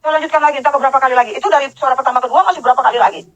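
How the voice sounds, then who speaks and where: Woman, middle-aged, earnest religious testimony, repeats phrases, quick delivery, dull lo-fi recording. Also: high-pitched, steady tone, no echo. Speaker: testimony speaker. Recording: dull lo-fi sound.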